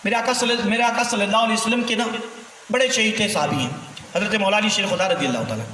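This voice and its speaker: A man preaching a sermon, telling stories in an animated way and acting out the dialogue. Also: sits high. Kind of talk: sermon storytelling. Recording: echoey hall from far off, faint noise.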